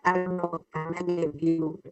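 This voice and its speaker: A woman caller on a garbled phone call that keeps breaking up, talking in a slow, wry way. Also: fairly low pitch, little pitch movement, faint music behind. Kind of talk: casual group call chat.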